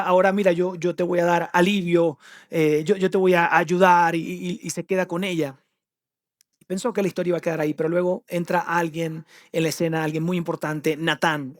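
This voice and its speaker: A Mexican-accented man preaches a sermon in a high, lively voice and keeps quizzing his listeners. His voice sounds dry and close, with no room echo. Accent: Mexican Spanish. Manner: animated storytelling, quizzing the audience. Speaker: pastor.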